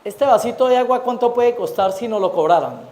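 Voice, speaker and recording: A man's voice: very high voice, animated, brisk, a little mellow. A Colombian man preaching a sermon as pastor, often asking the congregation questions and waiting for their answers. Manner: asks the congregation rhetorical questions. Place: church. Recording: echoey church hall.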